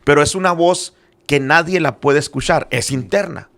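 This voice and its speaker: Gravelly-voiced middle-aged man teaching. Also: fairly high pitch, moderate pace, fairly bright tone. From Spanish-speaking background, living in Arizona. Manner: earnest, with frequent hesitant fillers. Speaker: apostle and church founder.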